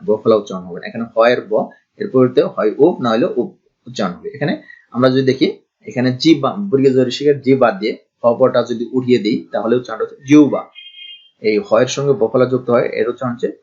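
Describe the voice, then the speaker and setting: A man tutors in a slow, deliberate way, saying each example word on its own before explaining the rule. His voice sits at an ordinary middle pitch. The recording is a little dull and lo-fi. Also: darkish tone. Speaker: Bengali grammar tutor. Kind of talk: online pronunciation lesson.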